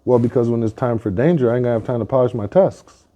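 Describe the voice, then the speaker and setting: A man doing a calm, prepared wild boar. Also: medium pitch, fast talker, dull audio, natural voice. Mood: matter-of-fact. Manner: matter-of-fact, slangy.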